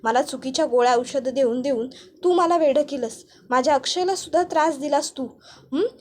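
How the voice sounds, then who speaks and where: A woman doing a fierce older woman's loud accusations. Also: high voice, brisk, a little hiss or hum, natural voice. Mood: accusing.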